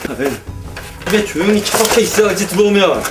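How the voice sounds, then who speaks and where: Casting: a man as a middle-aged bully dad, drunk and swearing, loud scolding with a swinging pitch, music bed. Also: lively intonation, fairly quick. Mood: furious. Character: abusive drunken father, angry and bullying. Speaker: actor.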